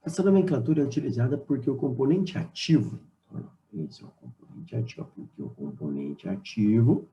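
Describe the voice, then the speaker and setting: Male chemistry teacher, Brazilian Portuguese accent, very dark and mellow tone, explanatory and repetitive with formulas. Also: medium pitch, poor audio. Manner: explanatory, addresses students directly, repeats formulas slowly. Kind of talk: exam solution lesson.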